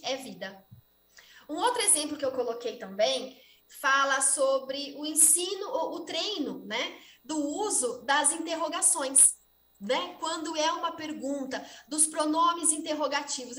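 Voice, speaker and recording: A woman's voice: high voice, fairly bright tone, echoey room. A Brazilian woman teacher giving an informal, chatty lesson on teaching deaf children, often checking in with her listeners. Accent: Brazilian Portuguese. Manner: chatty, often ends with "tá?" and "gente".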